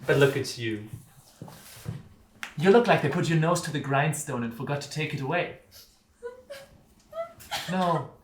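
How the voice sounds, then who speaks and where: A gentle sideshow performer, acted by a man, speaking in halting, broken phrases. His voice sits a little high and rises and falls widely as he goes slowly. The room echoes, with a faint hiss underneath. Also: lively intonation. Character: simple-spoken male fellow sideshow performer.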